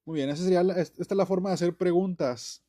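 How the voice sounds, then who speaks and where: A man giving a casual online English grammar lesson, chatty and relaxed, with many fillers and self-corrections. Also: sits high, fast talker. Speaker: English teacher.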